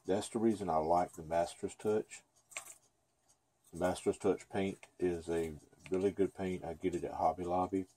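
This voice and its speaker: A man's voice: low-pitched, fairly even intonation, moderate pace, dark tone, slight background noise. A man giving a casual, chatty painting lesson at his easel, thinking aloud as he works. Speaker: painting instructor. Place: dim room at an easel.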